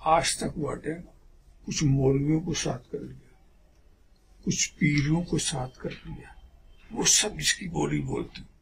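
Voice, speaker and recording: Gravelly high-pitched indignant man. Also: takes it slowly, long pauses, slight background noise. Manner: aggrieved, indignant, rhetorical questions.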